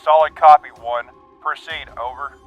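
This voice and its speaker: A man's voice: on the high side, fairly even intonation, moderate pace, faint music behind. An actor playing a male base radio operator directing a tactical team, speaking in clipped military radio talk over a walkie-talkie. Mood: brisk, commanding.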